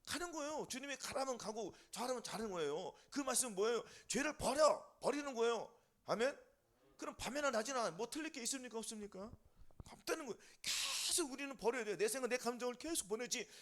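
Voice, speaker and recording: A man with a high voice preaches in a fast, lively way that swings widely in pitch. He keeps firing questions at the congregation and answering them himself, in the rhythm of a fervent sermon. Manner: call-and-response questions to congregation, rising and falling emphatically. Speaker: pastor.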